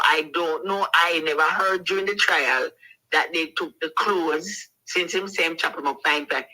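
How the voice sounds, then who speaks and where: A man's voice: on the high side, bright, forceful tone, rough recording. A man with a Jamaican accent, co-hosting a casual discussion and laying out his points methodically. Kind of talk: casual talk-show discussion.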